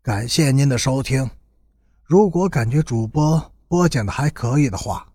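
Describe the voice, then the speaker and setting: A man narrating an audiobook in an expressive storytelling style. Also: medium pitch, moderate pace, husky, no echo, studio quality.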